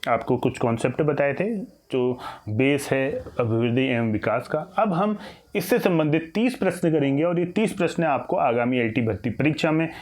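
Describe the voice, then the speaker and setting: Man teaching an exam-prep lesson. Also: mid-range voice. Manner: explains by asking questions and answering them himself; repeats and restarts phrases as he explains. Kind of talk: recorded video lesson.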